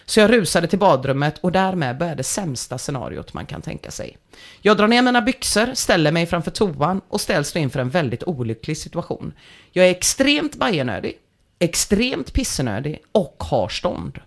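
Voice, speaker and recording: A woman reads a story aloud on a talk show, her pitch swinging widely from low to high. She tells it with energy and breaks into laughter now and then, keeping it lively. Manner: animated, laughing through the story. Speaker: podcast host reading a story aloud. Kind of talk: reading a listener story aloud with comments.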